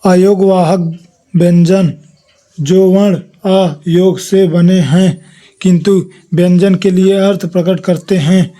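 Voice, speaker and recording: A man's voice: high voice, fairly even intonation, slow, dark tone. A man giving an exam revision lesson, reading his notes aloud and listing letters one by one. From India. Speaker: teacher.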